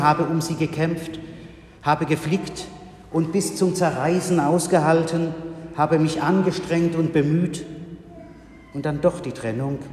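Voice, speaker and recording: A male pastor giving a sermon in a slow, measured way with solemn pauses, in a church. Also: a little high, darkish tone, slight background noise. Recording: reverberant church hall.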